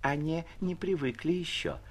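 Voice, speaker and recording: Man putting on a nervous fluttery lady servant, high and shrill, storybook. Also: sing-song, moderate pace, vocal fry, fairly bright tone, slightly rough, heavily acted. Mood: timid. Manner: flustered, eager, shrill when calling out. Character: timid, fluttering female hanger-on, anxious to please.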